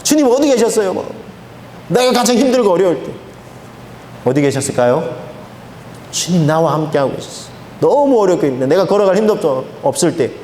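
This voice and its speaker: A man preaching a sermon as pastor, emphatic and lively, acting out the lines he quotes. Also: fairly quick, long pauses. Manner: emphatic, acts out quoted speech with swings in pitch. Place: church sanctuary. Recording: echoey church hall with faint noise.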